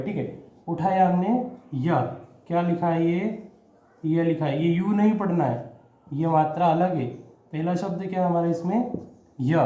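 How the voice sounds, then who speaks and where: A man's voice: high voice, mellow. Echoey man teaching a grammar lesson. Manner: patient, repeats "okay?" and quizzes the listener. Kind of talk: explaining English grammar to students. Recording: echoey room, dull lo-fi sound.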